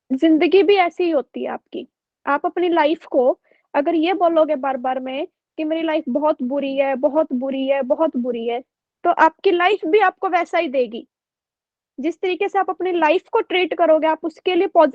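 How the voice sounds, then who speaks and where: Chatty and high-pitched, a woman tells a story to her online students and keeps asking "okay?" to check they're with her. There's no room sound, and the highs are cut off.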